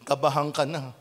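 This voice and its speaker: A man with a Filipino accent preaching a sermon as pastor, mixing Tagalog and English and breaking into loud shouted praise. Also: fairly high pitch, in a large hall. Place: church sanctuary.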